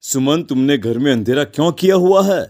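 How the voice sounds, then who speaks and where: A man voicing Akhil, a calm young husband in a cartoon story, reassuring and a little dismissive. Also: on the high side, normal speed.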